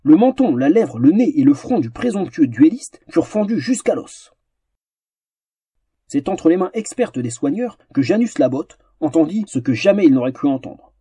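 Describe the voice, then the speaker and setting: A man narrating a fantasy story in a theatrical, animated audiobook style. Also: on the high side, normal speed, slightly rough, dry recording.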